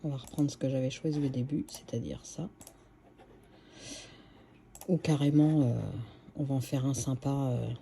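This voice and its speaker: A woman's voice: rumbling low, steady tone, normal speed, long pauses, mellow, a little hiss or hum. A woman hosting a screen-recorded craft tutorial, chatty and hesitant, with many fillers and restarts.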